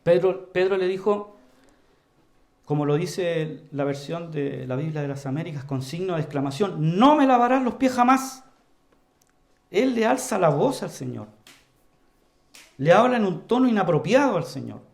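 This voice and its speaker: A man preaching an earnest, emphatic sermon to his congregation, repeatedly calling them brothers and moving between loud emphasis and quiet, low passages. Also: expressive, moderate pace, gravelly. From Chile. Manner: earnest, emphatic, often addresses the congregation as "hermanos"; varies volume widely, rising to loud emphasis and dropping low.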